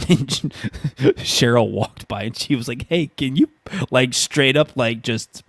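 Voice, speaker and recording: A man in his thirties chatting on a podcast, animated and quick to laugh as he acts out what people said. His mid-pitched voice sits close to the mic in a dry, dead room. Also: no echo. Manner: animated storyteller, acts out quotes, laughs often. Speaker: podcast co-host. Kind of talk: casual chat.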